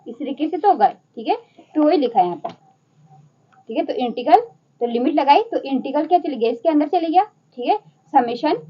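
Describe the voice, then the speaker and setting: Woman, Hindi accent, math lecturer, high voice, asks herself questions, dull lo-fi sound. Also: lively intonation, a little fast, slight background noise. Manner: explains step by step, asking and answering her own questions.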